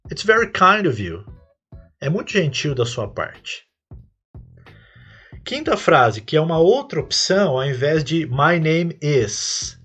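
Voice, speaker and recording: A man's voice: fairly high pitch, sharp tone, slightly rough. A man with a Brazilian Portuguese accent hosting a podcast lesson as an English teacher, explaining patiently step by step and lifting his voice on each English example phrase.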